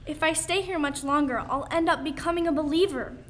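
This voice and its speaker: A woman's voice: high-pitched, brisk, fairly bright tone. A teenage girl playing an earnest, anxious woman doctor heroine in a school radio play, with dramatic, emphatic delivery. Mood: bewildered. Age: young teenager. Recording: faint background noise.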